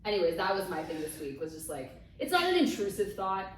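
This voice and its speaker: A woman co-hosting a casual chat show muses aloud and lets her sentences trail off softly. She sits well back from the mic in a very echoey room. A faint hiss runs under her voice. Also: fairly low pitch, big pitch swings, brisk, recorded from a distance. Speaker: podcast co-host.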